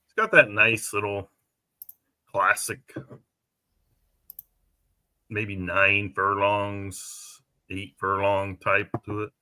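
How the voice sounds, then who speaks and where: A man with a strikingly bright, forceful tone gives casual live commentary. His voice sits a little low. He chats freely, thinks out loud and often trails off mid-sentence. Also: fairly even intonation, slow.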